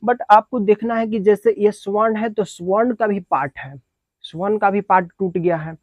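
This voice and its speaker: A man's voice: high-pitched, steady tone, normal speed, dry recording, dull audio. A male teacher giving a Hindi grammar lesson, who repeats each definition several times and asks and answers his own questions.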